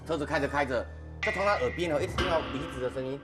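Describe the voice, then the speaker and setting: A man's voice: on the high side, rapid-fire, music in the background. A man with a Taiwanese Mandarin accent, hosting a podcast and telling ghost stories to a panel in a casual, dramatic way. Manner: animated, dramatic storyteller. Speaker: podcast host.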